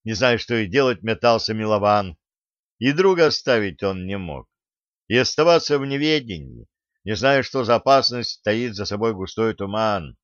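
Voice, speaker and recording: A man narrating an audiobook in an even storytelling manner. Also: on the low side, moderate pace, no echo, dull audio. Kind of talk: scripted narration.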